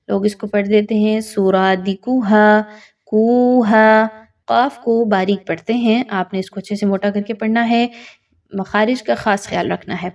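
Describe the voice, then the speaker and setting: A woman teaching Quran recitation, giving brisk explanations and then reciting verses slowly with long drawn-out notes. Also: mid-range voice, a little mellow, recorded from a distance, lo-fi sound. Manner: alternates brisk Urdu explanation with slow drawn-out Arabic recitation. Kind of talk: tajweed lesson, explaining and reciting.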